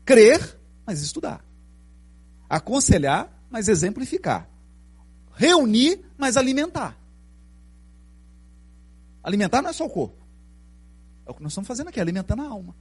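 A middle-aged Brazilian man with a Brazilian Portuguese accent giving a spiritist lecture, telling stories in an animated way and asking the audience questions. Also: high voice, moderate pace, pauses often, slightly rough. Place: lecture hall.

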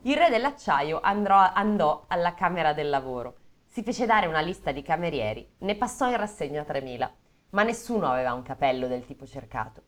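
A woman with a somewhat low voice that swings widely and expressively as she talks and reads a funny tale aloud. Her delivery is playful and keeps breaking into laughter. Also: fairly quick. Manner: playful, often laughing, animated. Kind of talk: casual chat and reading a comic story aloud.

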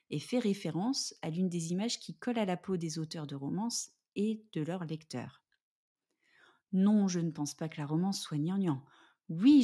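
Soft mellow woman hosting a podcast. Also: lowish voice. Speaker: podcast host. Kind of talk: scripted podcast narration.

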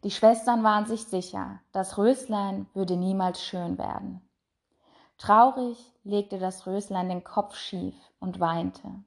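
A woman narrating a fairy tale in a soft, measured voice that trails off quietly. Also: medium pitch, steady tone, gravelly. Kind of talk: storybook reading.

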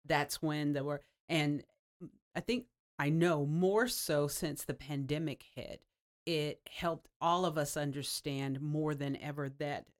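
An American woman hosts an interview in a deep, steady voice, taking her time. She affirms her guest often and speaks in long, winding turns.

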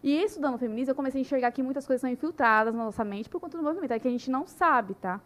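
A young woman telling her story in a casual podcast chat, animated and full of "né" tags. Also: sits high, racing. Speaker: podcast guest.

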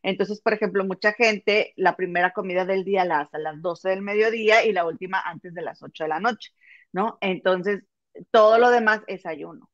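A woman's voice: mid-range voice, normal speed, no echo, muffled recording. A woman telling a story in a casual gossip chat with her friend, calling her comadre.

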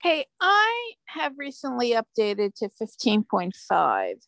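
A woman's voice: fairly high pitch, huge pitch swings, a little slow, vocal fry, fairly bright tone, no echo. A woman with a Brooklyn accent talks casually in a group discussion, telling her story in a wry, joking way. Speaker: caller asking a question.

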